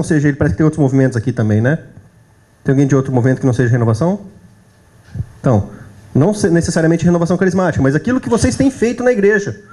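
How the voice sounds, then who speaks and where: A man with a Brazilian accent lectures at a church workshop in a fairly high, mellow voice. He keeps it conversational, turning to the audience with quick questions as he goes. The talk is given live before a gathered crowd. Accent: Brazilian Portuguese. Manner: conversational, checks in with the audience often. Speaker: workshop speaker.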